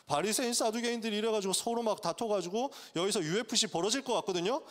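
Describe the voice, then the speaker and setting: A male pastor preaching to college students, telling the story in a lively way and acting out its characters' voices. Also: sits high, quick pace. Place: church sanctuary. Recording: long church hall reverb.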